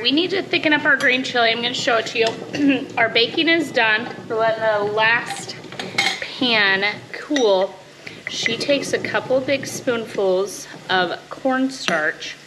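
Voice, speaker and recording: A woman in her thirties from Alaska, a homestead vlogger, chats casually while cooking in her home kitchen, walking the camera through each step of a cook-along vlog. Her voice sits a little high, with some background noise, and the handheld or mounted camera moves around. Pots, dishes and cutlery clatter clearly behind her.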